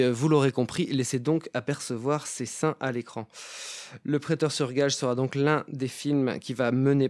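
A man's voice: mid-range voice, a little mellow, dry recording. A man presenting a film round table as host, reading a prepared introduction in an articulate way.

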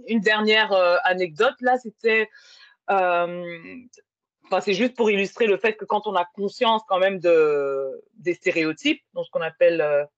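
A woman's voice: lowish voice, normal speed, no echo. A woman telling a long personal story in casual conversation, with many fillers. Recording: muffled lo-fi sound.

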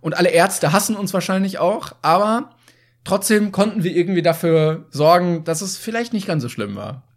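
A man with a fairly high voice co-hosts a comedy podcast. He talks casually, feeling his way through sentences and slipping in dry, absurd jokes. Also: animated, normal speed. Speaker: podcast co-host.

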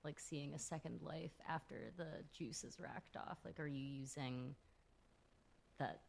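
A woman's voice: low-pitched, unhurried, vocal fry, darkish tone, slight background noise. A woman interviewer asking short, casual questions in a chatty way.

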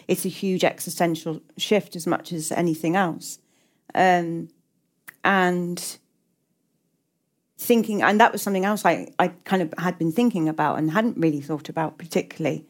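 This woman's voice sits low and has a darkish tone. She is a middle-aged writer from England with an English accent, giving reflective interview answers in a hesitant way, frequently repeating herself and starting over.

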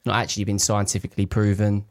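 Quick-talking man in casual banter. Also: on the low side, completely flat delivery. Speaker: podcast co-host presenting an explainer segment.

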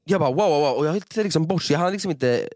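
A man with a slightly high voice tells a lively story in casual chat, swearing freely and dropping in English phrases. The recording is dry and close. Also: no echo.

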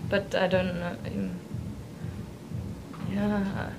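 A woman's voice: mid-range voice, level tone, extremely slow, vocal fry. A woman from Switzerland, an interview guest, talking in a reflective, hesitant way and laughing often. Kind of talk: casual interview chat. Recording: noisy background.

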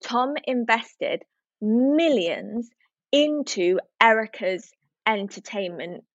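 A woman's voice: on the high side, slow pace, no echo. A woman telling a story in casual chat, acting out what people said. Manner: animated storytelling, acting out quotes. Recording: dull, dry, slightly lo-fi sound.

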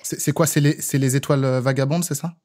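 A man with a French accent hosting a podcast interview in a relaxed, casual way. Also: mid-range voice, fast. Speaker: podcast host.

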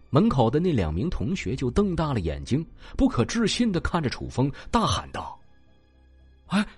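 Husky-voiced man telling a story. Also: lowish voice, no room sound. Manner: expressive storytelling. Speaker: audiobook narrator. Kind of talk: scripted narration of a web novel.

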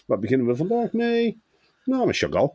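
Co-host, man, husky and lively, dry close sound, satirical ranting. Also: a little high, brisk, no echo. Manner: mocking, spins long satirical riffs. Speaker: podcast co-host. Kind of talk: comic casual chat.

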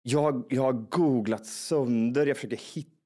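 Young man, casual chat, animated storyteller, swears a lot, acts out quotes. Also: mid-range voice.

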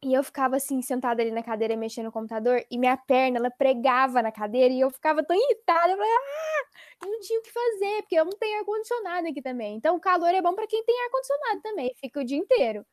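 A woman chatting casually who complains in an expressive, exaggerated way. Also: sits high, very fast, few pauses, no room sound, studio quality. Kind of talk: casual chat.

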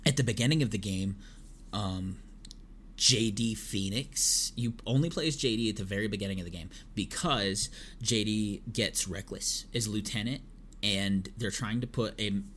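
During a casual podcast chat, a male co-host gives a long, rambling retelling packed with fillers like um and uh. His voice is on the low side and a bit bright, at a moderate pace, with a little hiss or hum in the recording.

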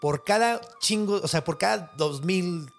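A man's voice: unhurried, gravelly, slight background noise. A man with a Mexican accent telling a folk tale in casual, slang-filled chat, acting out the characters' lines. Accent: Mexican Spanish. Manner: slangy, acts out characters' lines with big pitch swings. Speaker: storyteller host.

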